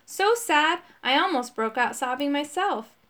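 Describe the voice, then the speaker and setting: A woman narrating a children's storybook aloud, with dramatic, expressive delivery. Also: high voice, measured pace. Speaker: audiobook narrator.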